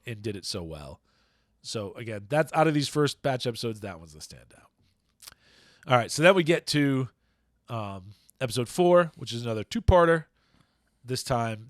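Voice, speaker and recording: A man chats casually on a podcast, recapping stories and often stopping mid-sentence to hunt for the right word. His voice sits at a middle pitch. The sound is dry and close, with no room echo. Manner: rambling, searches for words, recaps plots. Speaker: podcast host. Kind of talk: casual chat.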